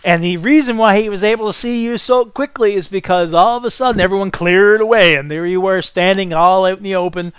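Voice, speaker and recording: A man's voice: high voice, a little fast, few pauses, a bit bright, clean tone, no room sound. A man working as game master, improvising narration for a tabletop game.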